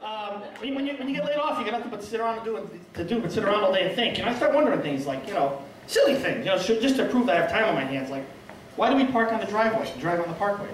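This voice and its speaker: A man's voice: high-pitched, animated, very fast. A man doing a self-deprecating stand-up comedy set of punchy one-liners in a small restaurant. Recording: echoey room, far from mic, crowd laughing.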